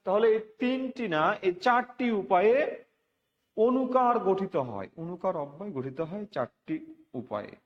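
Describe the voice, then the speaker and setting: Man teacher from Bangladesh, high voice, repeats himself and prompts students; dull, reverberant recording. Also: expressive, normal speed. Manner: repetitive, asks students for responses. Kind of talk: online class lecture. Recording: dull lo-fi audio with long reverb.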